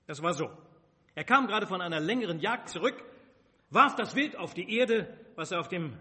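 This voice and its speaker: A man's voice: sits high, animated, moderate pace, bright, forceful tone. A man preaching a sermon, retelling a Bible story in the first person with emphatic rhetorical questions. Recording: reverberant hall.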